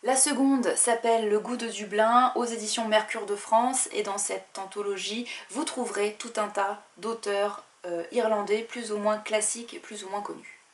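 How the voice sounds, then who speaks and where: A young woman presenting her bookshelf in a casual vlog, listing titles and publishers with quick asides and the odd filler. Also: mid-range voice, fairly even intonation. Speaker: book vlogger. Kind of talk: casual book haul presentation.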